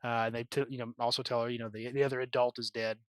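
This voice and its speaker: A man's voice: mid-range voice, little pitch movement, racing, fairly bright tone, no room sound. A man acting as game master, recapping a tabletop game session in a rambling, conversational way.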